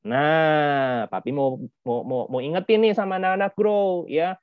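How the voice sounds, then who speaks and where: A man's voice: a little high, unhurried, clear, resonant tone, dry recording. A man teaching a children's church lesson over a video call, acting out angry kids' lines and quizzing the class. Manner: lively, acts out angry kids' quotes, asks questions. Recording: dull lo-fi video call audio.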